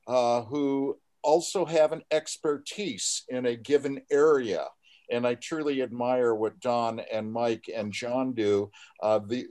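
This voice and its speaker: Older man, American accent, medium pitch, radio programmer, earnest, measured, conversational. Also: dark tone. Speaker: community radio folk show host. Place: remote group video call.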